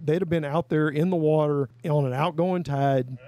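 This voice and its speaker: A man's voice: a little high, moderate pace, mellow, no room sound. A man, telling a long story in a folksy, rambling way as a guest. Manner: folksy, rambling, with many "I mean" and "you know". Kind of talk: casual storytelling.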